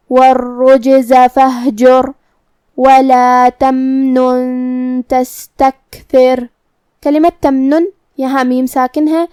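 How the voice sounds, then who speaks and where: Brief: female recitation teacher, high voice, dry close sound, methodical and patient. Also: a little mellow, no echo. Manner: methodical step-by-step explanation with drawn-out recitation. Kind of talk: tajweed lesson, explaining then reciting slowly.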